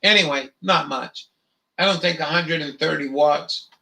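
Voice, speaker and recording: A man's voice: a little high, normal speed, creaky, pushed and bright. A man hosting a livestream, ranting in a heated, profane, rambling way with many fillers. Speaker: livestream host. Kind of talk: angry profane rant.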